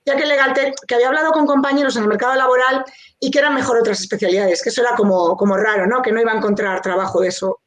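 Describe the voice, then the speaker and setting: A woman lawyer from telling courtroom anecdotes in a brisk, animated panel talk. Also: a little high. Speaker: lawyer and book co-author.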